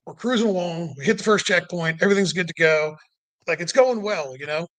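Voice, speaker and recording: A male podcast guest tells a long road-trip story in casual chat, rambling and saying "like" constantly while acting out the quoted dialogue. His voice is high, fairly quick and fairly bright.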